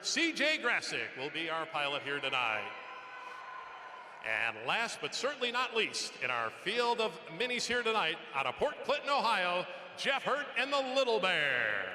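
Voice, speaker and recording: A man announcing a tractor pull lineup over an arena PA, with showy, drawn-out introductions. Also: high-pitched, big pitch swings. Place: large indoor arena. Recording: echoey arena PA with noise.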